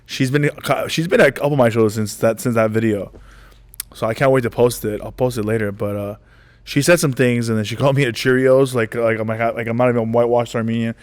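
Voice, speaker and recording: A man's voice: mid-range voice, fairly even intonation, quick pace. A man, a stand-up comedian, telling stories in a casual interview, rambling with many restarts and fillers and acting out the voices of people he quotes. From United States.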